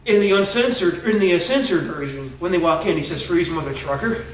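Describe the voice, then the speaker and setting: A man's voice: high voice, lively intonation, fairly quick. A man co-hosting a casual chat, retelling movie scenes and jokes in a rambling way and acting out the quoted lines. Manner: rambling storyteller with restarts, acts out quoted lines. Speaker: co-host. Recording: roomy, distant mic with faint hiss.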